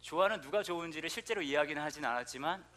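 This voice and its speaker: A man in his thirties preaching a sermon, telling stories with questions to the congregation, sometimes dropping to a soft, hushed tone. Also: fairly high pitch, rapid-fire. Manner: animated storytelling, asks the congregation questions; drops to soft, near-whispered prayer tone. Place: church hall.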